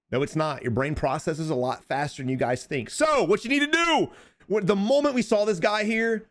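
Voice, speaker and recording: A man coaching as he comments on gameplay, blunt and animated, swearing freely. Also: fairly high pitch. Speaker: gaming coach.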